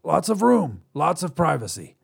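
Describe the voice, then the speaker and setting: A man voicing an impatient, fast-talking male alien who explains a rescue in a brisk, salesman-like way. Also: on the high side, sing-song, gravelly, slightly rough, voice pushed up, heavily acted. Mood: brisk, explaining.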